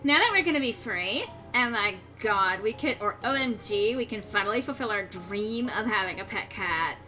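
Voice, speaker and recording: A woman's voice: medium pitch, lively intonation, normal speed, pushed and bright, soft background music, low-quality recording. A woman voicing a bubbly, ditzy, gossipy sorority-girl monster with a Valley Girl accent. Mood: excited, teasing.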